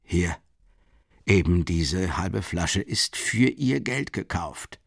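A man voicing a drunken, self-pitying old ex-official in an audiobook, pleading and rambling with a voice that swings up high. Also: expressive, slow pace, vocal fry, slightly rough, dry recording, studio quality, heavily acted. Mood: pleading, maudlin.

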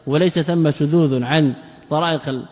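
A man's voice: a little high, fairly even intonation, brisk, a little mellow, big-room sound. A man teaching a classroom lecture as an Islamic scholar, who explains, repeats his phrases and asks rhetorical questions.

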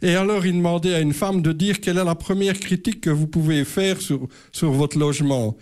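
A man's voice: on the high side, steady tone, fairly quick, a little mellow. A middle-aged man telling a rambling, self-mocking comic story on stage. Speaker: comedian. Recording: live show with audience laughter.

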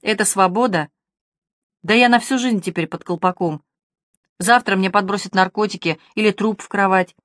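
A woman reader voicing a bitter, despairing young man who talks low and subdued. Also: fairly even intonation, moderate pace, fairly bright tone, no echo, clean studio sound, lightly acted.

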